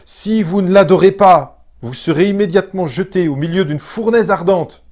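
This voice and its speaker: A man voicing a furious, proud tyrant king, reading the lines loud and raised as dramatized scripture. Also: sits high, normal speed, pitched above the performer's own voice, lightly acted. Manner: shouting threats, raised and loud.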